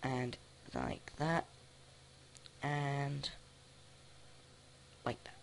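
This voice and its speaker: Flat-voiced man narrating gameplay. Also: mid-range voice, creaky, slight background noise. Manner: flat, halting, thinks aloud with many restarts. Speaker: let's play host. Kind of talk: casual gameplay commentary.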